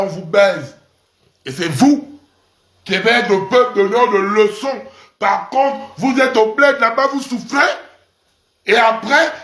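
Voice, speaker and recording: Heard in an echoey room, a man with a high-pitched, slightly bright voice rants to camera. This online commentator is crude and provocative, mocking his audience and repeating syllables to drive his points home.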